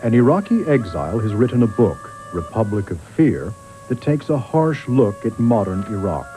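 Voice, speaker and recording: A man narrates a documentary in a measured, grave tone, his voice mellow and dark. It plays from a worn VHS tape copy with soft music faintly underneath. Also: fairly low pitch, sing-song, low-quality recording.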